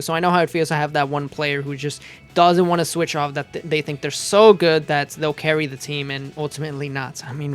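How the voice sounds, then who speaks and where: A man's voice: fairly high pitch, fairly bright tone, clean tone. A man hosting a casual online news commentary show, laid-back and sarcastic in tone.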